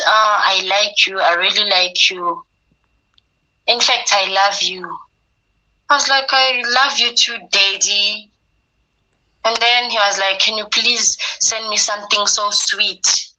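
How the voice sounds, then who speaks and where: A woman's voice: medium pitch, sharp tone, rough recording. A young woman telling a personal story in conversation, acting out the dialogue she quotes as she goes. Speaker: interviewee recounting her experience.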